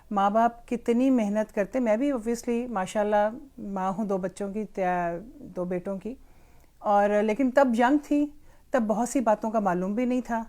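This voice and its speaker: A woman's voice: medium pitch, mellow. An older woman, a grandmother, chattily telling a family story as a parenting lesson and slipping English phrases into her talk. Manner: chatty, switches freely between Urdu and English. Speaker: grandmother sharing parenting advice. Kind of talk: casual storytelling monologue.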